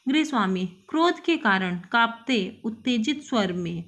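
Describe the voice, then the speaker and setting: A woman teacher reading and explaining a textbook story, unhurried, with frequent restarts. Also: a little high, animated, fairly bright tone. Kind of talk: lesson read-aloud and explanation. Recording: dull lo-fi recording.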